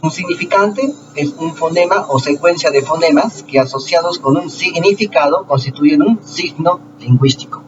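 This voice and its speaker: A man talking to his viewers in a casual lecture, explaining slowly with rhetorical questions and frequent restarts. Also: fairly high pitch. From Peru. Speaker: channel host. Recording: distant lo-fi mic with noise.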